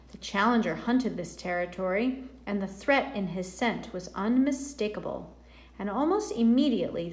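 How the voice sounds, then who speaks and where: This mid-range female voice reads a story aloud with a teacher's expressiveness, elongating words dramatically and offering brief clarifying comments. The sound has a noticeable echo, as in a large room.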